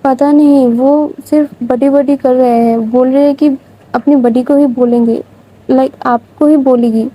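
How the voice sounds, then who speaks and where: A woman's voice: high voice, steady tone, warm tone, poor audio. A woman voicing a mild, plain-spoken elder household helper. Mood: gentle.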